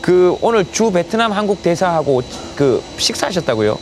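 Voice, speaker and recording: Animated man hosting a live interview. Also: high-pitched, normal speed, faint music behind. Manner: jocular, teasing. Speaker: talk show host. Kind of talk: live broadcast interview, conversational.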